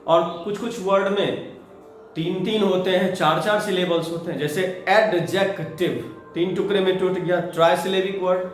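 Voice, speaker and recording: High-voiced Indian man teaching vocabulary. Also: fairly even intonation. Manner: slow drawn-out word spelling. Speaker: English teacher. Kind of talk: vocabulary lesson. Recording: very echoey room with faint music.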